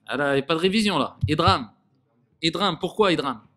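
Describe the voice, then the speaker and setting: Man teaching recitation, higher voice. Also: animated, fairly bright tone. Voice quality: nasal in recitation. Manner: demonstrates sounds slowly, then quizzes students. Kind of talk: classroom tajwid lesson.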